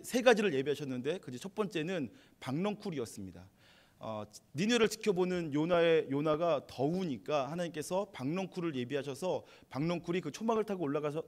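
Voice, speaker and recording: Male preacher, conversational storyteller, a bit high-pitched. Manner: conversational storytelling, animated retelling. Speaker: pastor. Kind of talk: sermon.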